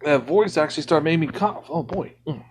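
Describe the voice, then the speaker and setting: A man's voice: a little high, fairly quick, a little hiss or hum. Ranting, indignant male game streamer. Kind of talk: casual live-stream commentary.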